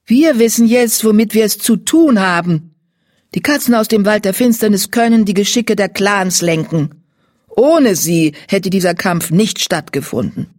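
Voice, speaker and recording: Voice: mid-range voice, fairly even intonation, normal speed, a little mellow, no echo, clean studio sound, voice pushed up, natural voice. A reader doing Blaustern, commanding she-cat leader. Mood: authoritative.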